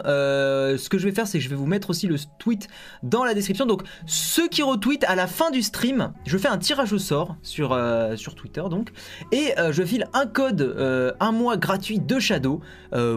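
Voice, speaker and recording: A man hosting a casual tech live stream, chatty and joking, with many fillers and asides. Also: high voice.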